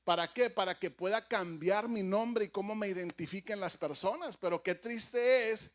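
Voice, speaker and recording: A man's voice: high voice, normal speed. A male pastor giving a conversational sermon, telling funny anecdotes and asking the congregation questions. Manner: conversational, humorous anecdotes with audience asides.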